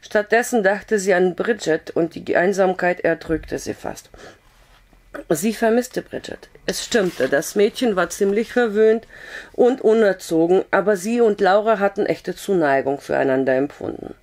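A hoarse woman calmly reading a novel aloud, with a steady storytelling tone and the odd slip of the tongue. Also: mid-range voice, measured pace. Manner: calm, steady storytelling with occasional slips. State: hoarse with a cough. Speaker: audiobook reader.

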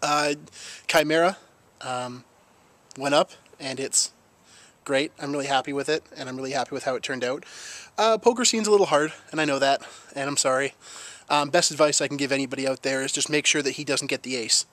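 A man's voice: mid-range voice, fairly quick, a bit bright. Rambling young man vlogging. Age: young adult. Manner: rambling, jokey, repeats phrases. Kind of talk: casual vlog chat to camera. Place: outdoors in a snowy backyard in winter. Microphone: handheld camera at arm's length.

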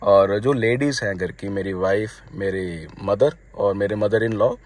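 A man in his thirties with a slightly hoarse throat, giving a casual spoken review of his new car from inside it and talking to viewers as friends. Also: on the low side, measured pace. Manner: chatty, mixes English phrases into his talk, addresses viewers as friends.

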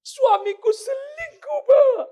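A man's voice: very high-pitched, slow, dark tone, voice pushed up. A male pastor voicing a distraught woman caller who pleads and wails over the phone. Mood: distraught wailing. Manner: wailing, pleading. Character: distraught middle-aged woman caller, tearful.

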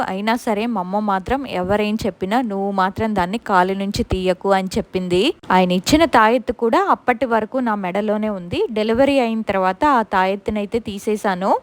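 A woman's voice: mid-range voice, dry recording. Woman, storyteller, first-person ghost story, earnest, conversational, dry recording.

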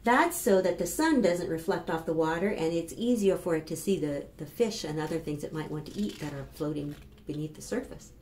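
With a low-pitched voice, this American storytime host in her fifties talks a little fast with hardly any pauses. As a children's librarian, she reads aloud and leads rhymes for preschoolers, expressively teaching and quizzing the children. The recording, made in a small plain room indoors, has a roomy echo and clear background noise.

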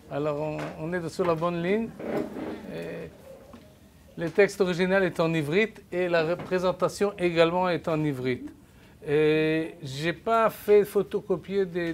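An older French-speaking man gives a live Bible lecture in a room with a projector screen, heard only through a faraway camera with no mic. He speaks loudly to carry, hesitating and restarting often, repeating words. His voice is a little high, with slight hiss or hum.

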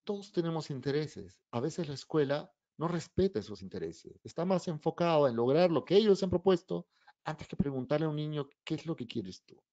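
A man's voice: fairly high pitch, fairly quick, no echo, muffled recording. A middle-aged children's author giving an anecdotal talk, acting out the dialogue in his stories. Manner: animated storyteller acting out dialogue.

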